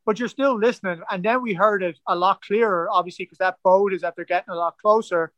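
High-voiced Irish man, rambling story. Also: steady tone, fast talker, a bit bright, no echo, dull audio. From Ireland. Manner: rambling, full of "like" and "kinda" fillers. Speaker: guest, ocean rower. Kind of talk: casual storytelling interview.

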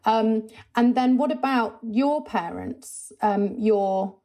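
A woman hosting an interview, asking quick, empathetic follow-up questions. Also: a little high, warm tone. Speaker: podcast interviewer. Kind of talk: conversational interview.

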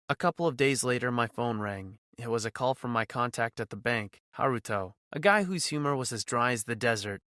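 Bright, wry male storyteller. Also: mid-range voice, no room sound, studio quality. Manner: wry, sardonic. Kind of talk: first-person story narration.

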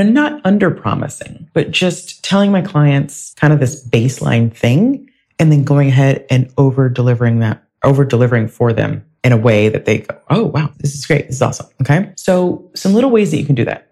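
A solo podcast host talking straight to the listener. The delivery is chatty and animated, with casual filler words as the story unfolds. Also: mid-range voice.

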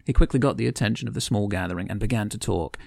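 A male podcast co-host talks loosely and then reads his own prose aloud, wandering and self-correcting as he goes. His voice is low and heavily gravelly, with a close, dry sound. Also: racing, a little mellow, dry recording. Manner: rambling, self-correcting storyteller. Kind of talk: casual chat and reading aloud from his own writing.

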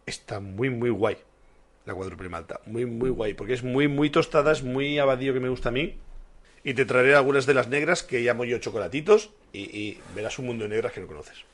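A man chatting on a beer-tasting podcast. He tells stories with a joking edge and swears casually. His voice sits at an ordinary middle pitch. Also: brisk. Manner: joking storyteller, swears freely. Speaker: podcast co-host.

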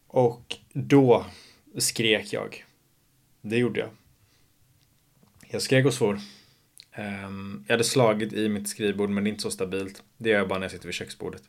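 A young man in his twenties, slightly hoarse from shouting, talking alone in a casual monologue podcast, rambling with many fillers and casual swearing. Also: fairly low pitch, steady tone, pauses often. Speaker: podcast host.

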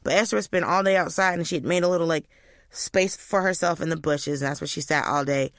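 A woman telling stories in a casual chat, animated, jumping into high squeaky voices for the people she quotes. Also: quick pace, dry recording, clean studio sound. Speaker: guest.

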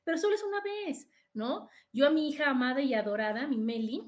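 Mexican lady podcast host, pretty high voice, casual advice chat, keeps going "¿no?". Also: brisk. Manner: chatty, tags "¿no?" after points. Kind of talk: casual advice talk to live listeners.

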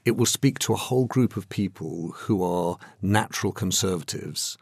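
A man hosting a news podcast with a lowish voice, moving the talk along in a brisk, chatty way. The sound is dry and close, with no room around it. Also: husky, dry recording. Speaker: podcast host.

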